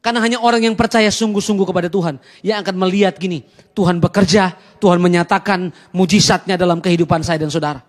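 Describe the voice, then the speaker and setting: A male pastor preaching a sermon, animated, swinging from hushed asides to shouted appeals, slipping into casual slang. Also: high voice, fast. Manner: colloquial Jakarta slang in acted asides.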